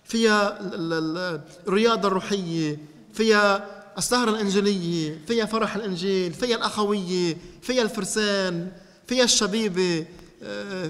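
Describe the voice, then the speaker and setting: Fast, animated Lebanese preacher man. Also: high voice, big-room sound. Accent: Lebanese Arabic. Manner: animated, addresses listeners directly. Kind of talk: teaching sermon to a congregation.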